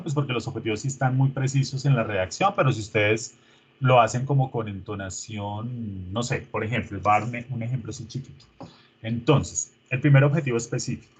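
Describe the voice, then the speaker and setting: A man's voice: mid-range voice, breathy edge. A man, a teacher coaching his students through an online rehearsal in an informal, coaxing way, full of diminutives.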